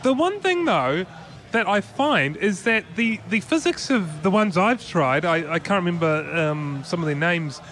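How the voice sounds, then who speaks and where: Chatty high-voiced man hosting tech news. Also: animated, unhurried, a bit bright, a little hiss or hum. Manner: chatty, rambling with restarts and laughs. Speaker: podcast co-host. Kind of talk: casual tech news chat.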